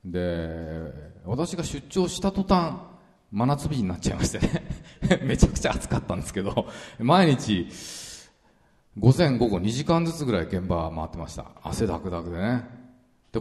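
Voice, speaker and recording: A man preaching a relaxed, chatty Bible teaching sermon, full of fillers and asides. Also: lowish voice. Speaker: pastor. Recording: long reverberant hall sound.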